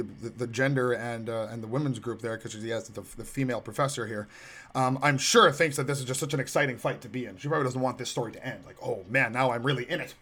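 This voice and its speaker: A man's voice: medium pitch, fairly bright tone. A man hosting a solo podcast, sarcastic and mocking, rambling with many restarts. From Canadian prairies. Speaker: podcast host.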